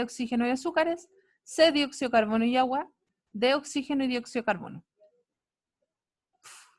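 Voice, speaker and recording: A woman with a Chilean Spanish accent teaching an online science class, checking in with students often and praising their answers. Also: fairly high pitch. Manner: checks in often with quick tags, upbeat praise.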